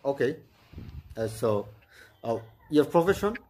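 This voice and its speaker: A man, practicing English in a halting, flattering way on a video call. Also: medium pitch. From Bangladesh. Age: 20s. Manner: halting, repeats okay, flattering. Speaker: channel host practicing English. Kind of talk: casual chat.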